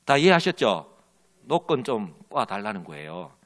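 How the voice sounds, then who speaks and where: A man's voice: lowish voice, very animated, moderate pace, fairly bright tone. A man preaching a sermon as pastor, telling a story and leading the congregation in call and response. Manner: tells an illustrative story with quoted characters.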